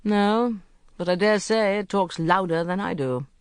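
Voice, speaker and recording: A narrator voicing a bold young man who takes charge with quick, commanding instructions in an audiobook. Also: medium pitch, clear, resonant tone, dry recording, voice pushed up, close to an everyday voice. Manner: quick, commanding, grimly light. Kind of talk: audiobook character reading.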